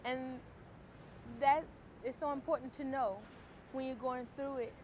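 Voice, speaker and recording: A young woman giving a personal testimonial as a stroke survivor, speaking in a slightly halting way with restarts. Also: high-pitched, steady tone, a little mellow, slight background noise, poor audio.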